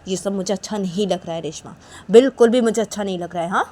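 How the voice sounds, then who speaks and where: A woman's voice: medium pitch, fast, dark tone, lightly acted. A woman voicing a jealous, nagging young woman. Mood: stubborn. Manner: nagging accusations ending in a questioning "haan?". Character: suspicious, accusing young woman, jealous and stubborn. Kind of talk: one-woman voiced romance story.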